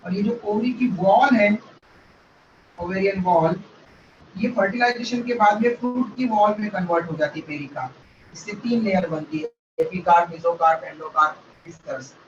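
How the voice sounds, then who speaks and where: A man's voice: high voice, normal speed, background noise. A male biology teacher giving a classroom lecture, explaining step by step, checking in with "ok?" and mixing English terms into his talk. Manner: mixes Hindi with English terms. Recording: roomy, distant, dull sound.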